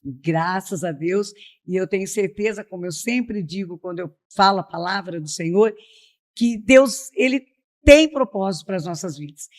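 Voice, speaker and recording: A middle-aged woman from Piracicaba, São Paulo state, Brazil, appears as a podcast guest, giving a missionary's personal testimony in a conversational interview and often checking in with "né?". Her medium-pitched voice is expressive, at a normal speed.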